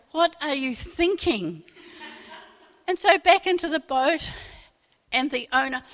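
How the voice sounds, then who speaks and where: A woman telling a humorous personal anecdote in a talk, a lively storyteller who acts out the dialogue. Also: high voice, big-room sound.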